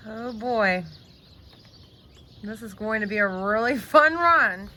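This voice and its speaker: A woman's voice: a little high, animated, takes it slowly, pushed and bright, a little hiss or hum. A woman talking casually as a running vlogger about her day. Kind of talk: casual vlog talk.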